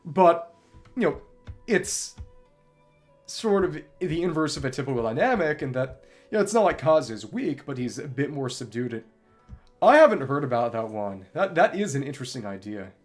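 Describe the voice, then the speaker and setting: Over game music, a male streamer rambles casually during a gaming livestream, thoughtful and long-winded, frequently hesitating as he hunts for words. His voice sits on the high side, has a sing-song lilt, and moves at a normal speed.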